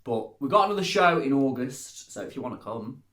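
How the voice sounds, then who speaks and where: A man's voice: mid-range voice, big pitch swings, a little fast, a bit bright, slight background noise. A man hosting a casual chat, full of cheeky, teasing banter. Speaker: host. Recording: echoey room.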